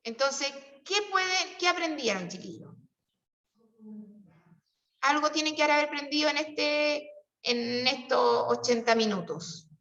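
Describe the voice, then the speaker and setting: A woman's voice: high voice, animated, unhurried, long pauses, fairly bright tone. A Chilean woman teaching a class, explaining patiently and coaxing her students with questions. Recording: distant, roomy and dull-sounding.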